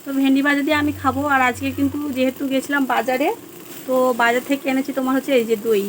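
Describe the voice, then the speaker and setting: A woman vlogger with a Bengali accent, chatting casually to viewers at home about her day, rambling with many fillers, her voice a little hoarse. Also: sits high, level tone, rapid-fire, a little hiss or hum. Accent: Bengali (West Bengal). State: hoarse, throat going. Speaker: vlogger, housewife. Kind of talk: casual vlog chat to viewers.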